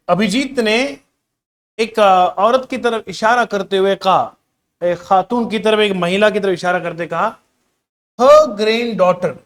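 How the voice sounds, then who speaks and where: A man's voice: sits high, fairly bright tone. A man teaching a reasoning class for exam students, coaxing them to answer and repeatedly asking what the relation is. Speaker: reasoning teacher for government job exams. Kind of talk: classroom lecture explaining puzzles.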